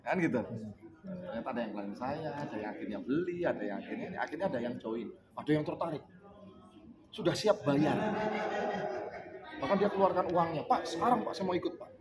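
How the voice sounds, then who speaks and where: A man coaches a sales team, acting out his sales conversations. He keeps checking in with the room, asking "ya kan?". An audience in the meeting room laughs and reacts clearly behind him. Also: on the high side, lively intonation, brisk, long pauses, over a noisy crowd. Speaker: business coach. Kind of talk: motivational talk at a sales meeting.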